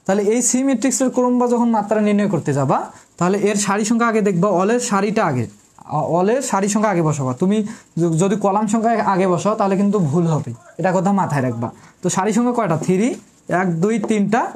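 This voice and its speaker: Female tutor, warm and relaxed tone, who drills students with questions she answers herself. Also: mid-range voice, a little fast. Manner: quizzes listeners, then answers her own questions; repeats key terms, informal address to students. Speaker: math tutor. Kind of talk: online math lesson.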